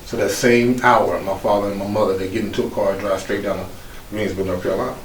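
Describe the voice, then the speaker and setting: A man in his fifties from the United States, a guest speaker telling his life story in an animated way, laughing and acting out voices. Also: fairly low pitch, quick pace, slight background noise. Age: 50s. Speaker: guest speaker, former pro football player. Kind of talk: personal life story told to an audience. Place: office room. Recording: echoey room, distant mic, faint ambience.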